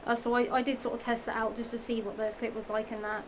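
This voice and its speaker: A young Norfolk-accented woman from England chats about shoes in a casual vlog show-and-tell, her voice on the high side with little pitch movement and a quick pace. She sounds slightly strained from the heat. Rambling and giggly, she repeats herself and uses plenty of fillers and restarts, in a noisy home recording.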